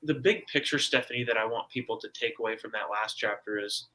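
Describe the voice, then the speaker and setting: An American man, a guest author on an interview, explains things casually in a lowish voice with a sharp tone. He talks a little fast and drives his points home emphatically, repeating himself in colloquial speech.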